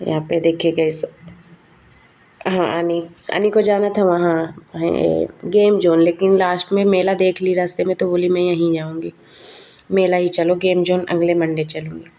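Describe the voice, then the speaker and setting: Chatty woman vlogger, low flat voice. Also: unhurried. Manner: chatty, storytelling, laughs often. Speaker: vlogger and mother. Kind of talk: casual vlog narration.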